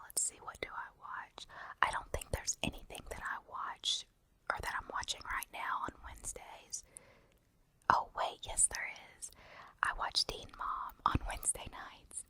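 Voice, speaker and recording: A woman whispering softly and breathily in a casual, rambling ASMR chat, close on the mic from ear to ear. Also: unhurried. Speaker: ASMR video creator. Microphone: close binaural ASMR microphone, ear to ear.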